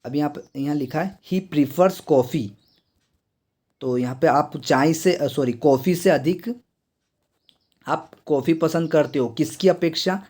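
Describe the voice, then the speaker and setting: A young adult man with an Indian accent walks students through exam answers, repeating questions back to them and reading the English items slowly. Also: a little high, a little mellow. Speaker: teacher explaining exam answers. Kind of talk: exam answer walkthrough lesson.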